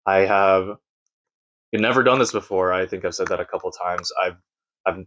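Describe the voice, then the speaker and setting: A man's voice: low voice, moderate pace, a bit bright, slight background noise. A man who makes videos and streams, talking nervously and self-deprecatingly in a casual vlog from a sparse room at home. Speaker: YouTuber and streamer.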